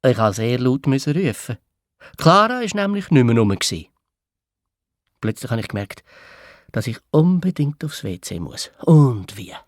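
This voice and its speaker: Lively Swiss German man telling a kids' story. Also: medium pitch, measured pace, pauses often, no room sound. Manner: playful, childlike first-person storytelling. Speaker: narrator. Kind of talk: children's audio story narration. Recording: dry studio read with soft music.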